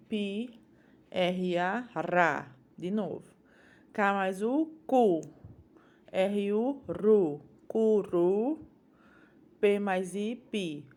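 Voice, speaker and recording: A woman with a Brazilian Portuguese accent leads a children's phonics lesson at an unhurried, deliberate pace. She patiently breaks each word into syllables and says them one at a time. Her voice sits at a middle pitch. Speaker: teacher.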